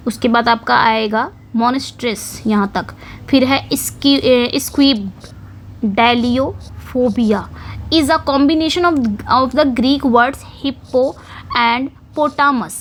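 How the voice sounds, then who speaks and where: A woman teaching English literature for exams, explaining each question in Hindi and reading the English slowly, repeating key words as she writes on a board. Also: fairly high pitch. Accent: Indian English. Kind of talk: exam-prep lesson.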